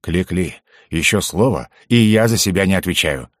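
A man's voice: low voice, lively intonation, moderate pace, no room sound. A man voicing a hot-tempered bearded male gnome who grumbles and bellows, in a dry, close recording. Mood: exasperated. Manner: loud, grumbling, exasperated.

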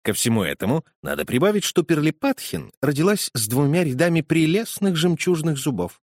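Guy reading a fairy tale aloud, super animated, dry close mic. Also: fairly high pitch, fairly quick, no room sound. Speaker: audiobook reader. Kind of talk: expressive storybook narration.

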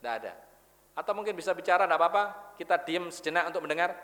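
A man's voice: high-pitched, fairly even intonation, very fast, bright, forceful tone. A man giving a religious lecture in a mosque, telling stories and putting questions to the audience. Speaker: Islamic preacher. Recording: long reverb of a mosque hall.

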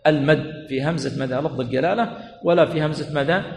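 Male sheikh giving a classroom lesson, pitched a little high, drawing out words and quizzing the room, recorded in a reverberant hall with faint background noise. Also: creaky. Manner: prompts students with repeated questions, stretches words slowly. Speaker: sheikh teaching a religious lesson. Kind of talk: classroom lecture. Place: teaching center hall.

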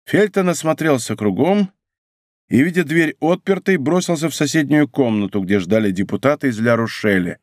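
A man narrating an adventure novel as an audiobook in a dramatic, expressive reading style. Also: mid-range voice, normal speed, dry recording, clean studio sound. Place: recording studio.

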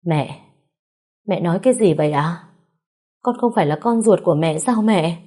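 A woman's voice: on the low side, animated, moderate pace, mellow, breathy edge. A woman voicing a young adult daughter who pleads through tears, in a storybook reading. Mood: pleading. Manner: sobbing, pleading.

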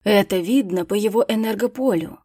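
A woman voicing a composed, curious male mage with measured, formal speech in an audiobook. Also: medium pitch, mellow, slightly rough, no echo, studio quality, close to an everyday voice.

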